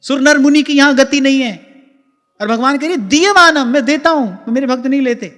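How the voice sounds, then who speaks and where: A man giving a devotional sermon, moving between quick explanation and slow recited verse. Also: very high voice, steady tone, fairly bright tone. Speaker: spiritual preacher. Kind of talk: devotional discourse with chanted verses. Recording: reverberant hall with faint music.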